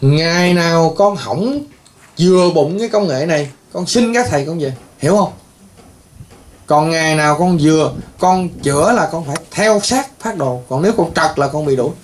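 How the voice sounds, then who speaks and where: A male priest with a high-pitched voice. He rambles, scolds and lectures his listeners, often breaking into exclamations. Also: lively intonation, normal speed. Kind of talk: scolding talk to patients.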